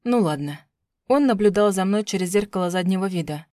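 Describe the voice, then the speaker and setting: A woman reading an audiobook, voicing a calm, cautious taxi driver of about fifty. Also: high voice, brisk, no room sound, studio quality. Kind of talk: audiobook character voice.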